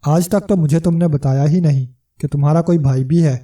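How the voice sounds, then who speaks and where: A man's voice: on the high side, mellow, far from the mic, lightly acted. A man voicing a boastful, scrawny male trickster who blusters and flares up in anger, in a storybook reading.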